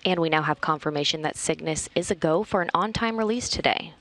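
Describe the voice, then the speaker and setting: A woman's voice: sits low, a little fast, a bit bright, no room sound. A woman giving formal, informative live commentary as a mission control announcer. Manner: formal, clearly structured announcing. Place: flight control room.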